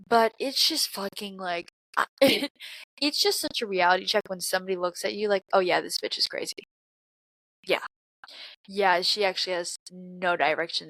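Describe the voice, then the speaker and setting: A woman's voice: medium pitch, fairly bright tone, dry recording, low-quality recording. A young woman in her twenties hosts her own podcast, venting in a loose, profane confessional ramble full of fillers and slang. Her voice sounds a little congested from crying, and the recording is very dry and close, with no room sound at all. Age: 20s. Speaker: podcast host. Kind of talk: casual confessional monologue.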